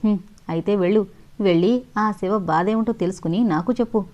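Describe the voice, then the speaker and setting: A woman voicing a sharp-tongued, stubborn young woman who speaks sarcastically and firmly, in an audio novel. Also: mid-range voice, a little fast, muffled recording, lightly acted. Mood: stern, sarcastic. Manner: sarcastic, firm.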